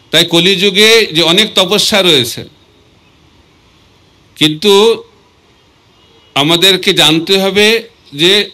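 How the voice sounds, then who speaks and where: A man giving a devotional sermon, asking rhetorical questions and reciting verses slowly. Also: fairly high pitch, pushed and bright. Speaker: swami preacher.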